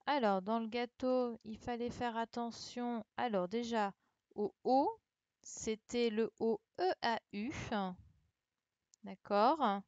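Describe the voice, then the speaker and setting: A woman's voice: fairly high pitch, takes it slowly, a little mellow, no room sound. A woman teaching an online class, patiently spelling out letters and checking that her pupils follow. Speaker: primary school teacher. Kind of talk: online class, correcting a dictation. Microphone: computer mic on a video call. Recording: dull, lo-fi sound.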